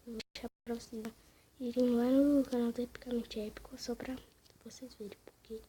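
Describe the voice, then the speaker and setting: A woman's voice: fairly high pitch, little pitch movement, moderate pace, slight background noise. A woman with a Brazilian accent whispering casual gameplay commentary at home at night while her family sleeps. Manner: whispering throughout, hushed and casual. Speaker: gaming channel host.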